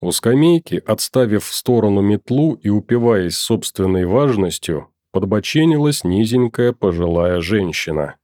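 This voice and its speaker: A man reading an audiobook in an even, measured voice. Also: fairly low pitch, dry recording, clean studio sound. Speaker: narrator.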